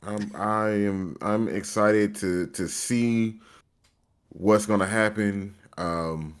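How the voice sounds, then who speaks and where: A man's voice: on the low side, slow, clean tone. A man co-hosting a gaming stream in easygoing casual chat. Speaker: co-host.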